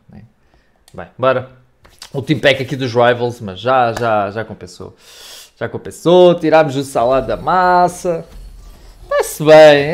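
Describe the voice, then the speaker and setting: A young man with a European Portuguese accent commentating his own pack openings in a chatty, excitable way, talking straight to his viewers. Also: mid-range voice, gravelly. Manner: animated, shouts and laughs over big pulls, chatty asides to chat. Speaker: gaming youtuber.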